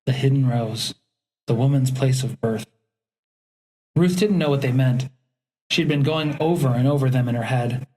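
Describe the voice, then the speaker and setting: A man narrating a historical audiobook in a steady, measured reading. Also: mid-range voice, rough recording. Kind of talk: scripted narration.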